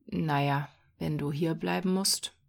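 A woman voicing a kindly man who gently coaxes a boy in a storybook reading, speaking softly and often half-whispered. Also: low-pitched, steady tone, a little slow, creaky, heavily acted. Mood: coaxing. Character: kindly bow-legged man with a rabbit basket.

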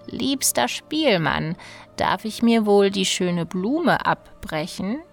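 A wicked old storybook witch, cunning and quick to fury, calls out loud and slow, as a woman reading the tale puts her on. Her voice sits at a middling height and drags each word out. Soft music plays faintly behind. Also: mid-range voice, sing-song, creaky, full character voice. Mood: wheedling.

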